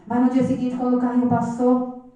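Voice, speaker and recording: A woman's voice: fairly high pitch, monotone, fairly quick, a crowd in the background. A woman with a Brazilian Portuguese accent giving an earnest, repetitive church testimony, often addressing the congregation as brethren. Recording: echoey church hall from far off.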